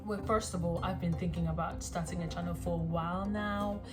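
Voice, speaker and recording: A woman in her twenties from South Africa talks straight into her phone camera in a loose, rambling way, full of ums and pauses. Her voice sits fairly low. Clear music plays underneath throughout. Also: steady tone. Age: 20s. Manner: rambling, frequent ums and pauses, self-conscious. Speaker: vlogger. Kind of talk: casual self-introduction to camera.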